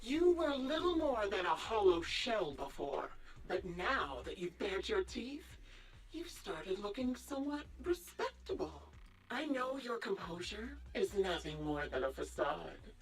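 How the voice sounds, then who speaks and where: A woman's voice: medium pitch, big pitch swings, a little slow, husky, distant mic, low-quality recording. A woman playing a sadistic sniper villainess in a video game, taunting with mock-polite sweetness and theatrical relish. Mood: amused menace.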